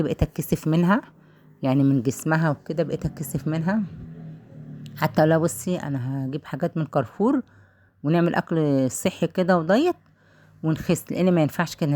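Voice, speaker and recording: A woman's voice: sits low, a little mellow. A woman with an Egyptian accent, chattily retelling someone else's story in a casual way and then giving her own advice. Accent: Egyptian Arabic.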